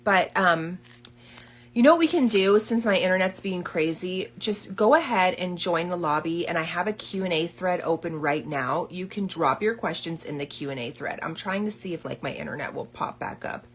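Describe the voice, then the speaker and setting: A woman's voice: lowish voice, normal speed. Chatty woman coach on a livestream. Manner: chatty, upbeat, lots of fillers. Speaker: boutique business coach. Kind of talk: casual livestream talk.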